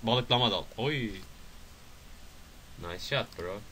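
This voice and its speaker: A young man from Turkey giving casual gameplay commentary, excitable, swearing, swinging between loud outbursts and mutters. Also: fairly low pitch, slow, a little hiss or hum.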